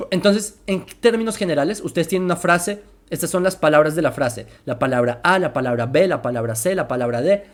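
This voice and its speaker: A presenter explaining religious texts in a commentary lesson, slowing down to spell out terms and often asking whether listeners follow. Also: medium pitch. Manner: keeps checking listeners follow, asking "right?"; slows down to spell out terms and examples.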